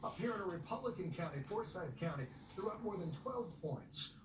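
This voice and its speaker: A man's voice: sits high, expressive, a little fast, reverberant, far from the mic, noisy background. An American man delivers live news analysis as an election analyst. He talks through figures and places in an explanatory, unscripted way.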